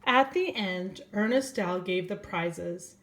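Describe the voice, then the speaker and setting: Speaking in a medium pitch with a fairly bright tone, an older woman reads a children's storybook aloud. As a grandmother, she slows down for young children, addresses them directly, and asks them questions.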